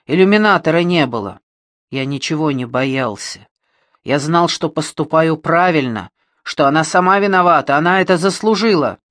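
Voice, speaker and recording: A reader voicing a tormented male killer who breaks into hysterical, fervent shouting in an audiobook. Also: medium pitch, dry recording, clean studio sound, close to an everyday voice. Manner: slow, halting, fervent. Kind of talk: audiobook reading.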